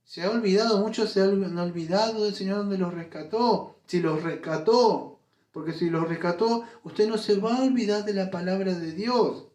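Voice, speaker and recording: A man's voice: sits high, normal speed, a little mellow, roomy sound. A man preaching a sermon as pastor, emphatic and full of rhetorical questions. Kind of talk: Spanish-language sermon. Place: church.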